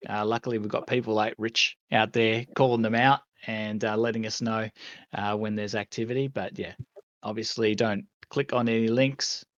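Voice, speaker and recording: A man's voice: fairly low pitch, steady tone, normal speed, dry recording, lo-fi sound. An Australian man hosting a casual community chat, laid-back and full of fillers. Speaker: community host.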